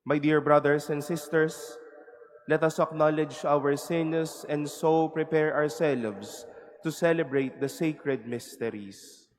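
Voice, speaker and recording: A man's voice: fairly high pitch, fairly even intonation, slow. A man leads liturgical prayer as a priest, solemn and formal, in a cathedral echo. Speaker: priest presiding at Mass. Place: large reverberant cathedral. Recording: long cathedral reverb with audible noise.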